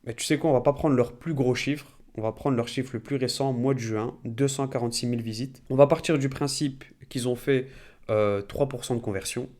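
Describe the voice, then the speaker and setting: A man of ordinary pitch guides a viewer through a screen-share tutorial. He thinks aloud in a relaxed, chatty way, filling pauses as he goes and talking straight to the viewer. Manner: relaxed, many fillers. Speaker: e-commerce YouTuber.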